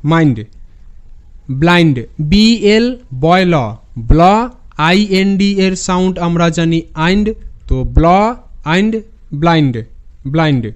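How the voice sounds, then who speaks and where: Male tutor, bright high voice, very clear; steady letter-by-letter spelling lesson. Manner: slow, spells words letter by letter and repeats them. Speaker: English teacher.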